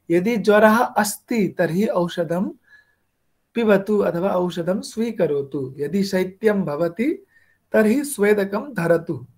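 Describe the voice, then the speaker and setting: A man teaching an online language lesson. He explains in Hindi and reads slow example sentences in Sanskrit. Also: sits high. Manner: asks the class questions and answers them himself.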